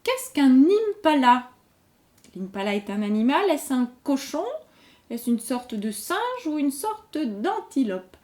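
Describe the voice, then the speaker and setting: A woman's voice: sits high, sing-song, slow, a little mellow. A woman hosting a general-knowledge quiz, reading each question twice and patiently explaining the answer. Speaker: quiz host. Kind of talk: reading quiz questions aloud, slow and clear.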